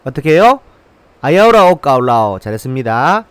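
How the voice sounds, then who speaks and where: Lively man teaching phrases. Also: medium pitch, smooth, dry recording. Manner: slow drilled repetition of phrases. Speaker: language teacher. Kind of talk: language lesson, repeating phrases.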